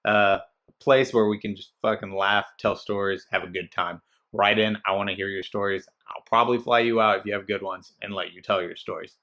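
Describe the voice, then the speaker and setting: Man, lowish voice, casual profane outro, host. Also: brisk, highs cut off. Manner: casual, profane, relaxed sign-off. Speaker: show host.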